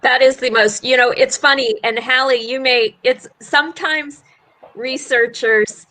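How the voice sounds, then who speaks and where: A woman's voice: sits high, fairly even intonation, a little slow, sharp tone. A woman moderating a video-call panel, friendly and rambling, with many fillers.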